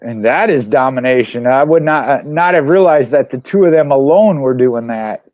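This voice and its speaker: A man co-hosting a racing podcast, chatting casually and slowing down to read figures. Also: mid-range voice, lively intonation, no room sound. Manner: conversational, reads figures slowly. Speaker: podcast co-host. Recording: dry dull lo-fi mic.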